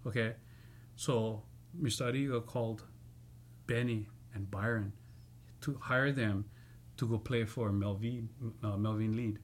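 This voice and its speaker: A man telling stories in a casual chat, laughing often and animated when he acts out quotes. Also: fairly low pitch, measured pace, a little hiss or hum. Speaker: musician guest.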